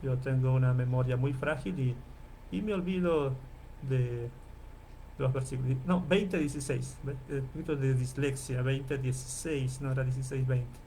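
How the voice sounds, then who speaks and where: A man's voice: medium pitch, warm tone, a little hiss or hum. Man teaching a Bible class. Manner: explanatory, checks in with listeners often; spells out and repeats Hebrew terms slowly. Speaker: Bible professor. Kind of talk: online class lecture.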